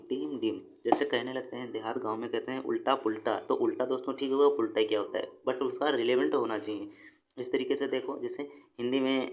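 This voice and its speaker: A male teacher talks through an exam-prep lesson at a mid-range pitch. He repeats each term several times and stumbles slowly through English definitions. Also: a little mellow, poor audio. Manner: explains slowly, repeats terms, reads English lines haltingly.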